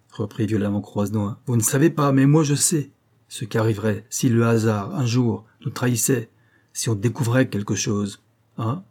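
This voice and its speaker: A man's voice: medium pitch, mellow, close to an everyday voice. A man voicing a proud, cornered young nobleman who argues insistently, in a storybook reading. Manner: heated, insistent pleading.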